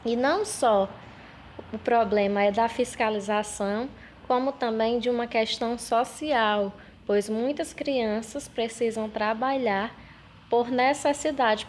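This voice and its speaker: A woman teacher from Brazil giving a recorded lesson to children, reading out questions slowly and with emphasis. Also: on the high side, a little mellow, slight background noise. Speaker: schoolteacher.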